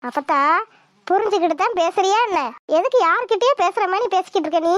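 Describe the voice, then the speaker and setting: A woman's voice: extremely high pitch, fast, no room sound, studio quality. A woman voicing a stubborn, irritated young village woman who keeps protesting in a cartoon. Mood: exasperated.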